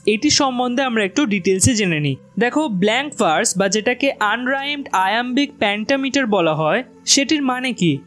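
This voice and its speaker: A woman teacher from West Bengal giving a patient, explanatory exam-prep lecture to students, reading quoted English lines slowly and deliberately. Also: fairly high pitch. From West Bengal, India.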